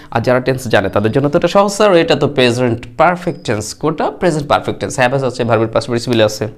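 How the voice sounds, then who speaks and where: Man teaching a spoken English lesson. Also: a little high. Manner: explains step by step, acts out learners' broken answers. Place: classroom.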